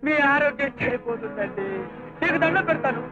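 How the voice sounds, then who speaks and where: A wailing, high-voiced henpecked husband. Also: male voice, expressive, fairly quick. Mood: pleading. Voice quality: wailing, melodramatic sobbing delivery. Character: weepy, pleading, henpecked husband. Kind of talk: Telugu film comedy acting. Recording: muffled film soundtrack with loud music.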